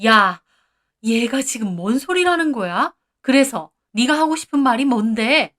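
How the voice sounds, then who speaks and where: A woman voicing a stern middle-aged mother-in-law who scolds slowly and reproachfully. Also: on the high side, a bit bright, lightly acted. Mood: angry.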